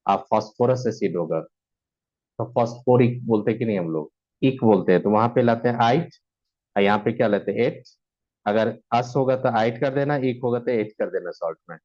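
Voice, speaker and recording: In a classroom lecture, a man teaches chemistry while mixing in terms, repeatedly posing questions to his students and answering them himself. His voice is fairly low and dark, and the audio sounds dull.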